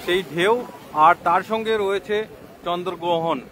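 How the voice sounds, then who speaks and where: A man giving live news commentary, repeating details and pausing as he explains, outdoors with wind on the mic. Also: sits high, steady tone, bright, forceful tone. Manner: repetitive explanatory delivery with hesitant pauses. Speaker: live reporter. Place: outdoors on a sea beach. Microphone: mobile phone. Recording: noisy outdoor live stream, roaring sea wind. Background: roaring waves and wind.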